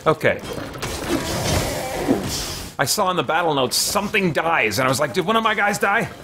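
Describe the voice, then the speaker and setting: A man in his forties streams a game live, his fairly high voice animated and moving at a normal speed. As host, he playfully chats with himself, his characters and his viewers over game music.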